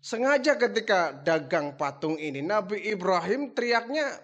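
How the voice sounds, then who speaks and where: High-voiced man preaching through a story. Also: moderate pace, highs cut off. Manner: lively, dramatic storytelling with acted dialogue. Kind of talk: storytelling sermon.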